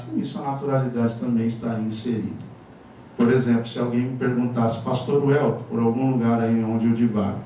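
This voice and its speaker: Brazilian pastor preaching in an echoey hall. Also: male voice, medium pitch, warm tone, a little hiss or hum. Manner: conversational preaching with wry asides and chuckles. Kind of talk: sermon. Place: church sanctuary. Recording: echoey church hall from far off.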